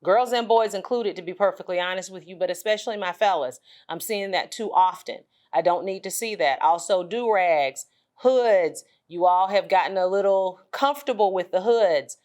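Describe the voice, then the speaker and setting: A woman speaking as a school administrator, giving students an informal announcement in a firm, emphatic, deliberate way with pauses. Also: mid-range voice, a little mellow.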